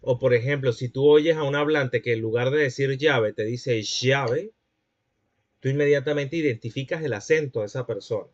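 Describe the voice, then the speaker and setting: A man's voice: mid-range voice, a little fast, hardly any pauses, dull audio. A man giving a classroom lecture, explaining points and checking that students follow.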